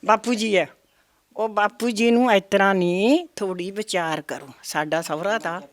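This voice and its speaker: An older woman who tells lively, folksy stories in a casual chat. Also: medium pitch, normal speed. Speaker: village elder interviewee.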